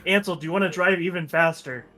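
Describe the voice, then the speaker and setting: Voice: mid-range voice, fast, bright, forceful tone. A game master narrating and refereeing a tabletop role-playing session.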